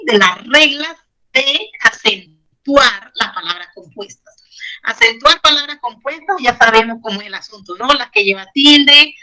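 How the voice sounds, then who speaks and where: Bright-voiced woman teaching a grammar class. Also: high-pitched, poor audio. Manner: patient, explains slowly with repetition and diminutives. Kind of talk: online Spanish grammar lesson.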